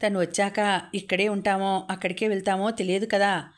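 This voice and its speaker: A woman voicing a stubborn, resentful young adult son in a storybook reading, talking quickly and insistently. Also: mid-range voice, level tone, natural voice.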